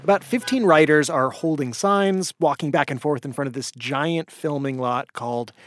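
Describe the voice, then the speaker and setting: A man's voice: on the high side, normal speed, background noise. A man hosting a radio show, narrating a story in a scripted, storytelling way. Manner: lively, storytelling delivery.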